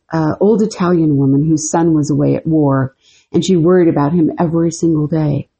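Her low-pitched voice is dark and slightly rough, captured with a lo-fi sound. She co-hosts a podcast, rambling through casual stories packed with fillers.

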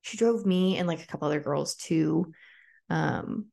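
A young woman in her twenties talks through a personal story on a podcast, her voice sitting a little low for a woman. She rambles casually, leans on "like" as a filler, and slips into quoted voices as she goes. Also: unhurried, creaky, dark tone. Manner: chatty, frequent "like" fillers, acts out quoted voices. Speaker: podcast host.

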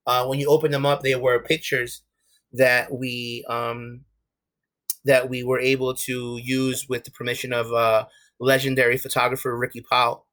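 The speaker is a young American man from New York, answering candidly in a casual interview with many fillers and false starts. His medium-pitched voice is level and fairly bright, moving at normal speed.

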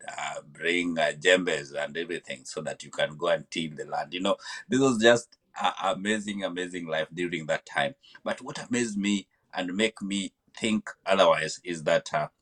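Deep-voiced Kenyan man, hesitant storyteller. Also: a bit bright. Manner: hesitant, often repeats words while searching for them. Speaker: podcast guest. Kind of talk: reflective interview storytelling.

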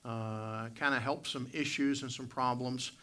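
A male pastor preaches in a plain-spoken, deliberate way, phrasing in short pieces. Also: mid-range voice, fairly even intonation, bright, forceful tone, smooth. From West Virginia, United States. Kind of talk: church sermon with scripture reading and prayer.

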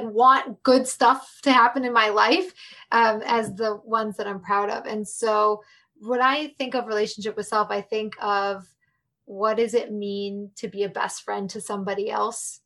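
Speaking at a medium pitch, this podcast interview guest is a woman whose tone is warm and reflective. She frequently breaks into laughter and addresses her audience directly.

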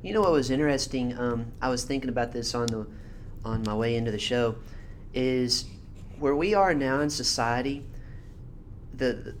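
A man's voice: medium pitch, slight background noise. A man hosting a podcast who speaks reflectively, thinking aloud and adding frequent murmured agreement while his guest talks. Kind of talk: casual podcast conversation.

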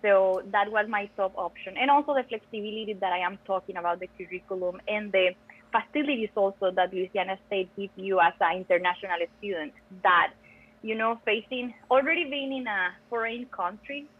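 On phone-quality sound, a young Costa Rican woman talks a little fast in a mid-range voice with a breathy edge. A native Spanish speaker with a Costa Rican accent, she's an emphatic, chatty podcast guest in a casual interview and is studying for a PhD in music education.

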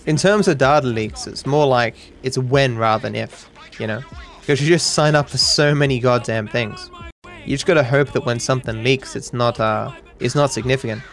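A man streaming, rambling quickly and casually with self-deprecating asides. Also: medium pitch, fairly bright tone.

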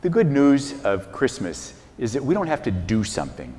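An older man, a priest, giving a relaxed, conversational homily with chuckling, self-deprecating stories. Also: medium pitch, normal speed. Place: large church. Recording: reverberant church hall.

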